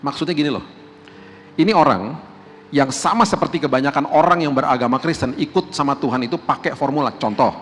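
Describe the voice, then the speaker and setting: A man's voice: on the high side, fairly quick, a bit bright. A middle-aged male pastor preaching a sermon in a casual, conversational way, acting out the voices of the people he quotes. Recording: long hall reverb, faint background noise.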